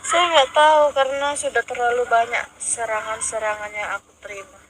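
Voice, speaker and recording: A performer voicing a proud, wounded female spirit queen in stiff formal speech with sudden loud outbursts, in a spirit-possession session. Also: mid-range voice, a little fast, natural voice. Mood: haughty. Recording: noisy field recording.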